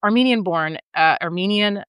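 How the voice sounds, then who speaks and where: A woman's voice: mid-range voice, moderate pace, a bit bright, smooth, no room sound, studio quality. A young woman from Brazil who grew up in the US, hosting a casual interview in a bubbly, chatty way with many fillers. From Brazil, raised in the US. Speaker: interview host.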